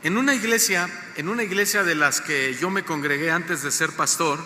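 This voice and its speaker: A male pastor with a Mexican accent preaches a sermon, stressing his words slowly and quizzing the congregation. His voice sits high and rings very bright. The recording carries the long echo of a church hall with faint background noise. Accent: Mexican Spanish. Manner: slow deliberate emphasis, questions to the congregation.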